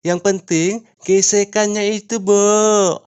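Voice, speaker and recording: A man's voice: high-pitched, little pitch movement, slow pace, dull audio, very noisy, pitched above the performer's own voice. A man voicing a flamboyant, effeminate character with camp slang and a drawl. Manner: campy, drawling, giggly.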